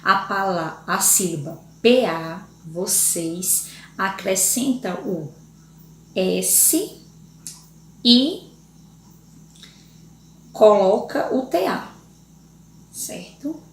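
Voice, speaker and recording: A woman's voice: medium pitch, very slow, long pauses, a bit bright. A woman teacher giving a lesson to young children in Brazilian Portuguese, spelling out letters and syllables patiently and often checking in with the class. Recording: echoey room.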